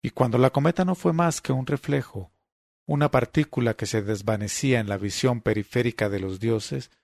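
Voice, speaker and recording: A man reading a literary story aloud in a measured, deliberate way. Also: mid-range voice, creaky, darkish tone, no echo, clean studio sound. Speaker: narrator. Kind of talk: literary audiobook narration.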